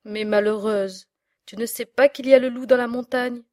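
A woman's voice: on the high side, steady tone, normal speed, dark tone, no echo, studio quality, lightly acted. A woman playing a worried, kindly old male farmer, pleading and fretful.

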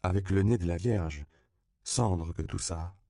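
A man's voice: low-pitched, expressive, unhurried, vocal fry, darkish tone, no room sound, clean studio sound, full character voice. A man voicing a sad, tearful middle-aged man who murmurs and lectures in his sleep. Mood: dreamy.

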